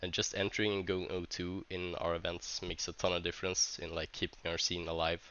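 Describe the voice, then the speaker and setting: A Swedish-accented man with a low-pitched voice that is still bright and smooth. He sounds stuffy from a cold and works through a scripted vlog ramble in halting English with many restarts. The audio is somewhat dull and lo-fi. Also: little pitch movement. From Sweden. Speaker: tournament organizer.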